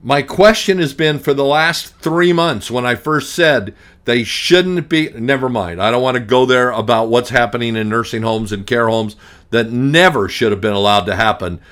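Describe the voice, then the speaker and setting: This middle-aged man speaks at medium pitch and normal speed, his tone a bit bright. Hosting a radio talk show as an estate planning attorney, he rants emphatically, hammers points through repetition, and keeps restarting, blunt and grumpy throughout.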